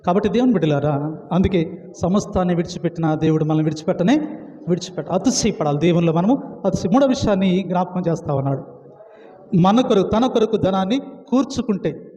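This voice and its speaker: A man's voice: high voice, animated, a little fast, warm tone. A man pastor preaching a sermon, emphatic and repetitive, full of rhetorical questions. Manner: emphatic, repeating phrases and asking rhetorical questions. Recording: echoey hall, dull lo-fi sound.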